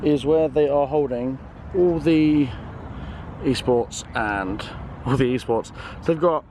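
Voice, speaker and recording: This young man from the UK narrates his travel vlog outdoors in a city and at a racetrack, sounding casual, chatty, enthusiastic and slangy. It is recorded on a handheld camera with outdoor street noise, and his voice is fairly high and a little mellow.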